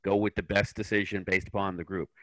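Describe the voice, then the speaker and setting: A man with a fairly low, bright voice talks informally in a group discussion. He halts and repeats words, and the recording is close and dry. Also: level tone, quick pace, no echo. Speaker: salesman, roundtable participant. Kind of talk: casual meeting discussion.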